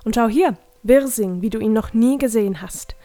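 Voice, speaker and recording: A woman's voice: a little high, normal speed, mellow, no echo, lightly acted. A woman reading the lines of a big, proud male forest creature who fusses over his garden, lecturing fondly, in a dry, close recording. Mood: proud fussy.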